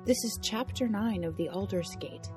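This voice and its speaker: A woman's voice: medium pitch, moderate pace, music in the background. Woman narrating a fantasy audiobook. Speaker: narrator of a serialized story podcast.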